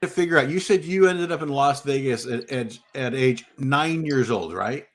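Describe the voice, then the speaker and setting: On a relaxed live panel, a man with a medium-pitched voice speaks at normal speed, pressing with questions. He interrupts with "hold on" so he can ask once more.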